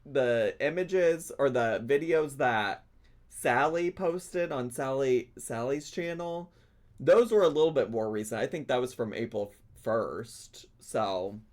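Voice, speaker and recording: Slow and darkish, a man's medium-pitched voice carries a gossip commentary show in which he reacts to clips. As host, he chats sassily and laughs between remarks.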